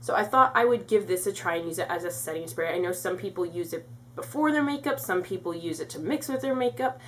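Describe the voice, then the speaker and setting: Young woman, beauty vlogger, congested, slightly breathless, chatty with lots of fillers, lowish voice, faint hum behind. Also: lively intonation, quick pace, a bit bright. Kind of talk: casual product review.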